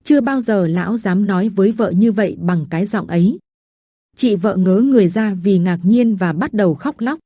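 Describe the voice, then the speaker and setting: A woman narrating a written story in a steady, even reading voice. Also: medium pitch, moderate pace, dry recording, studio quality.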